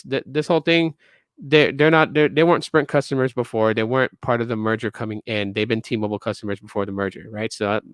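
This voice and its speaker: Hosting a tech podcast, this late-thirties man lectures his viewers in a casual rant, hammering points with repeats and starting sentences over. The voice sits in the middle range, slightly bright and smooth, recorded without echo.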